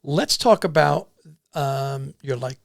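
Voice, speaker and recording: A man hosting an interview, easygoing and joking, asking questions with lots of pauses and fillers. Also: mid-range voice, creaky, dry recording, studio quality. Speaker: interview host. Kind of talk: casual interview conversation.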